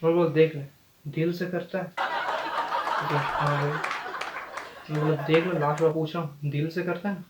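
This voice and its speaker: A man's voice: fairly high pitch, normal speed. Young man telling a roomy stand-up story. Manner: animated, acts out quoted lines with sudden loud jumps. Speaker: stand-up comedian and channel host. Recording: echoey room with faint noise.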